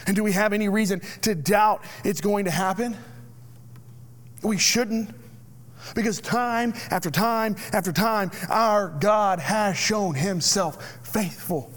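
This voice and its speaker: A man preaching a sermon as pastor, slow and deliberate, sometimes dropping to a hushed near-whisper. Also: high voice.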